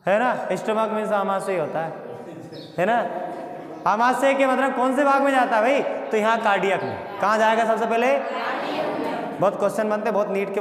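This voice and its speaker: With a high-pitched voice, a man teaches biology by asking each question over and over and then answering it himself, call-and-response style. The echoey room lends his lecture a long, ringing reverb.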